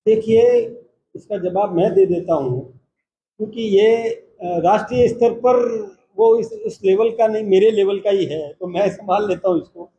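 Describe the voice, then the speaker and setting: A man, a party state president, giving a formal, measured press conference statement and taking reporters' questions in turn. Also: sits high, warm tone, dull audio, a little hiss or hum. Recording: roomy echoey hall.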